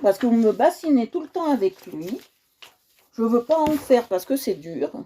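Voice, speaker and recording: A woman's voice: on the high side, very animated, normal speed, dark tone. A woman hosting a casual coloring livestream, chatty and talking straight to her viewers, often repeating herself.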